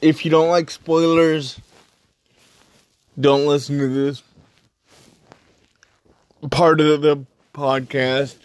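A man hosting a casual solo podcast review, speaking in halting, terse, choppy phrases. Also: fairly high pitch, level tone. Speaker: wrestling podcast host.

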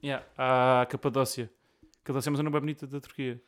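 A man's voice: mid-range voice, flat delivery, fast talker. A young man with a European Portuguese accent, chatting casually as a podcast co-host, slangy and often repeating his phrases. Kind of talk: casual chat between friends.

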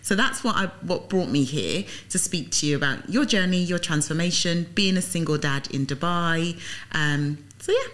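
A woman's voice: lowish voice, normal speed, fairly bright tone. A woman interviewing a guest in a casual, conversational way as a podcast host. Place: studio.

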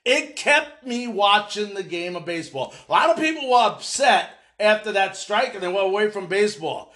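A man giving an excited, fast-talking opinion monologue to his viewers as a baseball commentator, emphatic and direct. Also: high voice.

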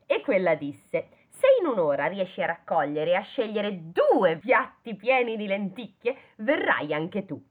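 A woman's voice: medium pitch, big pitch swings, unhurried, hardly any pauses. Chatty woman reading a fairy tale, phone-like. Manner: reads then breaks off to joke and question the text. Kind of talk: casual chat, reading aloud with commentary. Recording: phone-like lo-fi audio.

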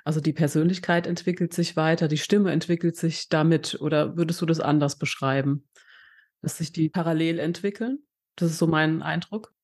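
Podcast host, mid pitch, thinking out loud, chatty and reflective. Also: steady tone, moderate pace, slightly rough. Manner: reflective, conversational. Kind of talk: podcast interview conversation.

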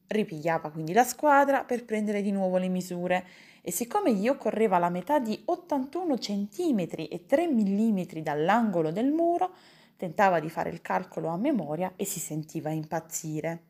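A woman narrating a humorous novel in a steady, even storytelling voice. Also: medium pitch, normal speed. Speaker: audiobook reader.

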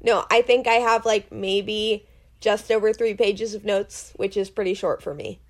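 A woman in her twenties co-hosts a podcast, chatting casually and telling rambling, self-deprecating stories in a medium-pitched, slightly slow voice.

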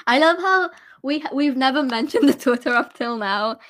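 A woman's voice: high voice, animated, moderate pace, a bit bright. A young British woman co-hosting a podcast, playful and teasing, laughing often. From Britain. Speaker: podcast co-host. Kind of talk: casual chat.

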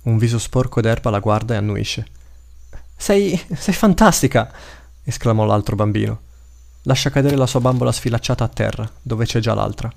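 A man narrates a fantasy tale in a measured, dramatic storybook style. His voice sits low, with a gravelly, creaky texture. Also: flat delivery, darkish tone.

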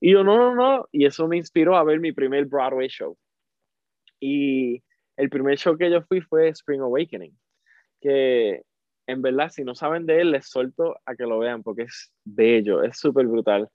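A man with a Puerto Rican accent, a podcast guest telling a personal story in a casual, animated way and repeating words for emphasis. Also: medium pitch, a little slow, dry recording. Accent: Puerto Rican Spanish. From Puerto Rico. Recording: dry, phone-like narrow sound.

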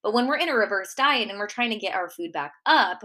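Young minnesota lady doing a solo q&a podcast, bright voice, says like a lot. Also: medium pitch, expressive, fast. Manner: chatty, lots of "like" fillers. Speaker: podcast host and nutrition coach.

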